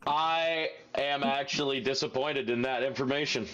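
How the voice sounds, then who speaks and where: A man cracking deadpan jokes in a casual podcast chat. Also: mid-range voice, normal speed, slight background noise. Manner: wisecracking, deadpan one-liners. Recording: muffled lo-fi recording.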